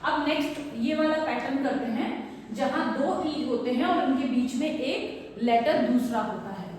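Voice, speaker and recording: High-voiced teacher in an echoey room. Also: female voice, a little mellow. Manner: patient, calls viewers beta, spells sounds slowly. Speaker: English teacher. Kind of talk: phonics lesson at a board. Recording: echoey room from far off, faint noise.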